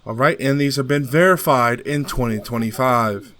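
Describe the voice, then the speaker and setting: A man's voice: medium pitch, normal speed, pushed and bright. A man hosting a casual game tutorial voice-over, coaching beginners in a joking, hyped-up way. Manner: joking, hype-filled coaching. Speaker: gaming channel host.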